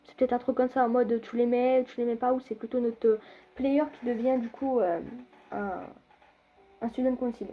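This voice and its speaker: Talking at a moderate pace in a high, steady voice, a young gaming creator chats to her viewers as she plays, full of hesitations and filler words. The audio is narrow and tinny.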